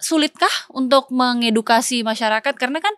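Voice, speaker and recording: A woman's voice: a little high, a little fast, a bit bright, dry recording. Woman host asking questions casually. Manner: friendly questioning, hesitant fillers. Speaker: talk show host. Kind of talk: casual talk show interview.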